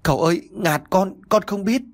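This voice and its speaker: A man's voice: high-pitched, normal speed, pitched above the performer's own voice, close to an everyday voice. A man voicing a panicked young female servant who stammers badly. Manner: stammering, frantic.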